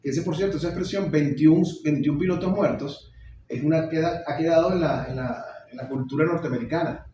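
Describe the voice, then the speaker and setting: A middle-aged man lectures on theater in an expressive, restarting way. His voice sits a little high and comes from a distant mic in a strongly echoing hall. A faint background noise lies under it. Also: brisk, lo-fi sound.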